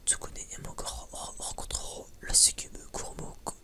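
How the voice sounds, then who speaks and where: This man's whisper sits very high, delivered completely flat at normal speed, as he rambles casually for his ASMR video. The chat is informal and sweary, and he hesitates and stammers over repeated words a lot.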